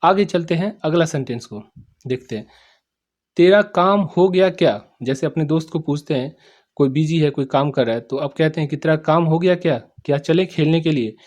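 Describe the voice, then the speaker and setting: A man teaching English sentences in Hindi, repeating each phrase slowly, spelling out words and often asking if students understood. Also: a little high, darkish tone. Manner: repeats each sentence slowly, checks "samajh mein aa gaya?"; spells and sounds out words letter by letter. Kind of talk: spoken English lesson explained in Hindi.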